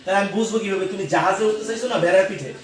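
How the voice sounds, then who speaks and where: A man's voice: sits high, rapid-fire, very echoey, recorded from a distance. A man teaching English to a class, asking questions over and over and having students repeat words after him. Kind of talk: classroom lesson.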